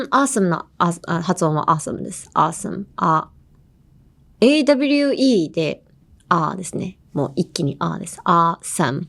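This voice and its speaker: A young woman hosting a language-learning podcast, chatting casually and explaining how words are used with quick examples. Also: medium pitch. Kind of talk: casual bilingual lesson chat.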